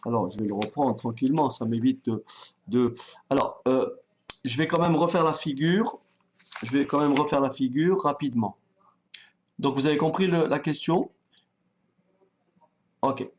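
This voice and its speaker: A man teaching a maths lesson, calm and patient, thinking aloud as he writes and often checking that his students follow. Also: mid-range voice, normal speed, long pauses, a little hiss or hum. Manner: talks directly to students, checks they follow. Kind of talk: online exam-prep lesson.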